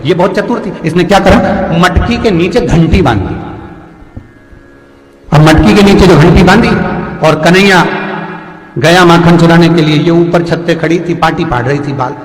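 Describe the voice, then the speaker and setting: A man giving a devotional story sermon as a religious storyteller, telling the tale in an animated way. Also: a little high, moderate pace, long pauses. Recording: echoey hall with faint music.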